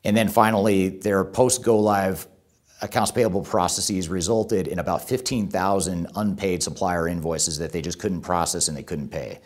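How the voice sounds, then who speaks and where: A man with a very deep voice hosts a top ten countdown video. He delivers it as a semi-scripted explainer. He tends to restate key points to drive them home. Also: steady tone, moderate pace. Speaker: YouTube host and presenter.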